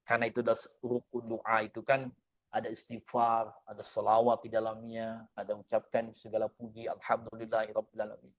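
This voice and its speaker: A man's voice: fairly low pitch, completely flat delivery, brisk, lo-fi sound. A man preaching a sermon, telling stories with energy and acting out prayers and dialogue.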